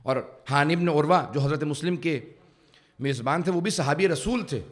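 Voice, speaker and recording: Male cleric, fervent sermon storyteller, higher voice, builds to loud peaks. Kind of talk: emotional Urdu majlis sermon. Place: religious center hall.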